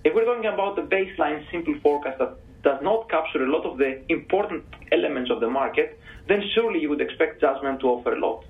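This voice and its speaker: Measured male panelist, tinny sound. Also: a little high, lively intonation, creaky. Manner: measured, explanatory, careful hedging. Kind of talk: answering audience questions.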